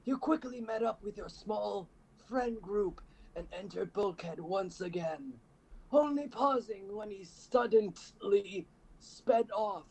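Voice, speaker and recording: Male co-host, high-pitched, unhurried, sardonic comic narrator, light noise. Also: expressive, darkish tone, poor audio. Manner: wry, swears casually, adds sarcastic asides. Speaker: co-host reading fan fiction. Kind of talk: comedic dramatic reading.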